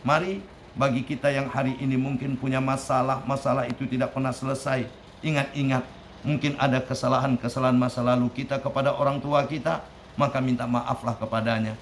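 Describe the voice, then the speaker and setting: A man's voice: mid-range voice, level tone, brisk, a little hiss or hum. A male Islamic preacher telling a story in a sermon, with an emphatic delivery that rises and falls. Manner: emphatic, rising and falling delivery. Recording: echoey room, faint ambience.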